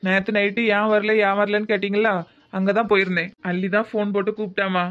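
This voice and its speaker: A man's voice: sits high, level tone, quick pace, natural voice. A man voicing an eager, affectionate young village grandson in a cartoon, with a Tirunelveli Tamil accent. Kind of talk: cartoon voice acting. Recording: dull lo-fi audio.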